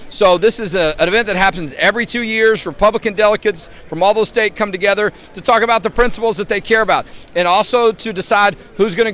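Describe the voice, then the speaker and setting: A man's voice: high-pitched, fairly bright tone, clean tone. A man hosting a casual live interview in a chatty, rambling manner. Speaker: host, advocacy group president. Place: convention floor.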